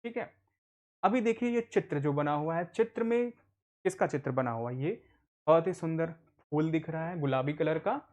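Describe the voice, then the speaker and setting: A man's voice: on the high side, animated, normal speed, darkish tone. A man teaching an adult literacy class, patiently spelling out words and answering his own questions. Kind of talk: online Hindi reading lesson.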